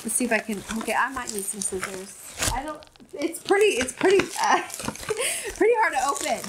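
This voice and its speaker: A woman's voice: high voice, expressive, normal speed, noisy background. A woman in her forties chatting casually on her vlog, effusive and gushing, rambling with frequent restarts. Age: 40s. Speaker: vlogger. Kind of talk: casual chat opening fan mail.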